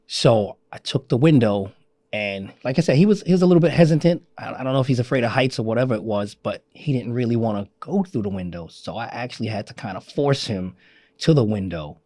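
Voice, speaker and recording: Animated male firefighter telling a story. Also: medium pitch, fairly quick, no echo. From Queens, New York. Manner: acts out voices in his stories, repeats "I kid you not". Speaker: firefighter guest. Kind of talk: animated storytelling in a radio interview.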